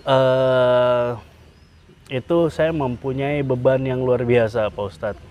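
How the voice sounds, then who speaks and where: An interview guest, a man speaking at an ordinary middle pitch. He tells his story earnestly. He pauses often and fills the gaps with hesitant sounds. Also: dark tone. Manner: earnest, hesitant with many "eh" fillers. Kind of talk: interview, personal account.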